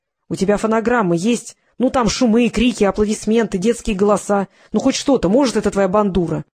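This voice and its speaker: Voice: medium pitch, fairly quick, a little mellow, lightly acted. Reader doing a hissing urgent cop. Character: urgent male police detective, bossy.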